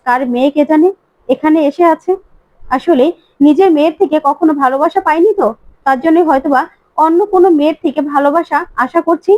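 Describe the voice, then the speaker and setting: A woman's voice: high voice, fairly quick, darkish tone, dry recording, muffled recording, close to an everyday voice. A woman voicing a stern, hurt middle-aged mother scolding her grown daughter. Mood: sad. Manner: scolding, bitter.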